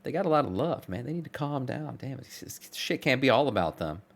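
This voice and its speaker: A man's voice: medium pitch, sing-song, a little fast, vocal fry. A man streamer giving casual reaction commentary, blunt and chatty, swearing offhand.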